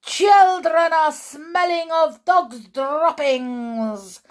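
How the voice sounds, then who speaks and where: A woman voicing a screaming, tyrannical old female witch leader who rants slowly and loudly. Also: sits high, voice pushed up. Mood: ranting. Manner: shrieking, ranting, slow and loud.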